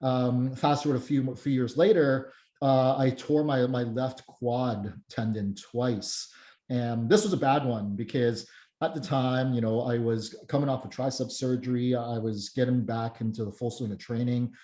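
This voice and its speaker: A man in his mid-thirties talks loosely through a podcast chat, circling back and restarting his sentences. His voice is mellow and a little dark, and it carries a roomy echo. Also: mid-range voice, steady tone, normal speed. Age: 30s. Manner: rambling, many restarts and fillers. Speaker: strength coach and guest.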